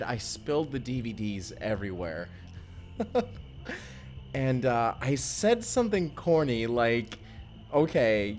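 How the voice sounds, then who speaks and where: A man with a mid-range, everyday-sounding voice plays an earnest, love-struck young husband stranded back in time in an intimate audio roleplay. He speaks tenderly and conversationally, chuckling as he tells his story.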